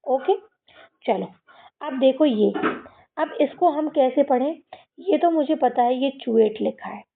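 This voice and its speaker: A woman's voice: sits high, slow pace, creaky. A woman teaching children to read English words, repeating each sound and asking them questions as she goes. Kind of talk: slow explanatory lesson to children. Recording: tinny phone-like recording.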